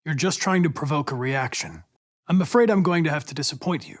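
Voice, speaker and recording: A man voices a young android police investigator in a video game, polite and coolly logical, with formal, precise phrasing. His voice is a little high and brisk, close to an everyday voice, and the mood is calm and formal.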